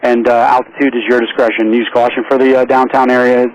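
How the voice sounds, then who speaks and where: This is a man speaking fast in a mid-range voice as an air traffic controller. He directs pilots over the radio in a calm, businesslike, accommodating way, and the audio sounds dull.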